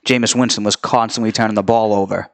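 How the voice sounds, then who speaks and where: A man's voice: lowish voice, steady tone, fast talker, gravelly, no echo. A man co-hosting a casual sports chat, talking in an informal, slangy way. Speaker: podcast co-host.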